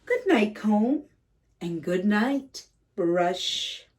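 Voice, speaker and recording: Slow, mellow woman reading to young children. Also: medium pitch, expressive, slight background noise. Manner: addresses young children directly, simple gentle phrasing. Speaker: kindergarten read-aloud teacher and host. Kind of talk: children's picture book read-aloud. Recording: slightly distant microphone.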